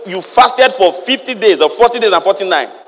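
Emphatic preacher in an echoey hall. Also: male voice, high voice, lively intonation, normal speed, a bit bright. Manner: emphatic, rhetorical questions to the congregation. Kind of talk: lively sermon with Bible reading.

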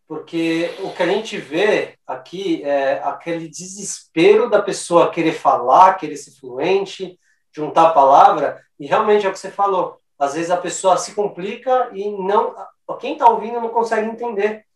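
A man's voice: high voice, moderate pace. Man explaining thoughtfully in a roomy space. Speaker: guest. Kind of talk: casual conversation. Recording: roomy sound from a distant mic.

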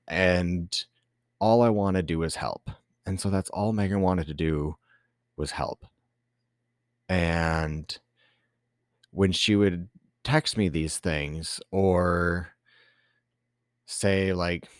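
A young adult man hosting a podcast, telling a candid personal story in a halting way with many ums and restarts, tearful at times. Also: extremely low pitch, no room sound, clean studio sound. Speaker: podcast host. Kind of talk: personal reflective monologue.

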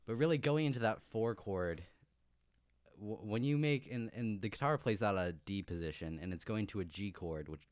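A man with a very low voice talks music theory in a relaxed podcast chat, thinking out loud and restarting his sentences. The recording is dry and close, with no room sound. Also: normal speed, smooth, no room sound. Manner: musing, restarts often while explaining chords. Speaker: podcast co-host. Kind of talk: casual chat.

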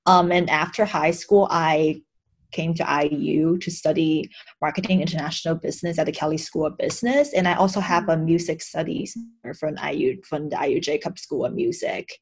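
A young woman from China, a guest in an interview, talking earnestly and a little hesitantly, with many pauses and restarts. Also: sits low, steady tone, vocal fry, husky. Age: young adult. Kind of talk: casual interview.

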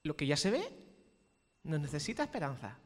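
Animated high-voiced Spanish preacher. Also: male voice, a little fast, long reverb tail. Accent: Spanish from Spain. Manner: animated preaching, shouting peaks, playful put-on voices. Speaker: pastor. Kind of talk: sermon.

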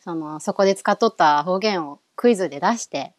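A woman's voice: fairly low pitch, fairly quick, dry recording, clean studio sound. A young woman with a Yamaguchi dialect, chatting playfully and laughing often as a podcast co-host. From Yamaguchi, Japan. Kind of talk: casual chat.

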